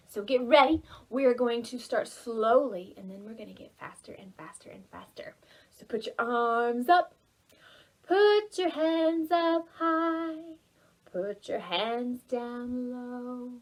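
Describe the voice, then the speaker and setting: A woman leads preschool storytime, reading aloud expressively and playfully and talking directly to the young children. Her voice is a little high and her pace is slow.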